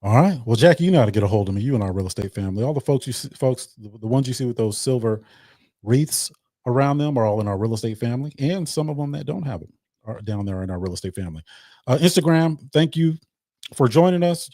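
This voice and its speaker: A man's voice: mid-range voice, animated, fast, mellow, no echo, clean studio sound. A man hosting a casual livestream chat, loose and talkative, often repeating his words. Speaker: host.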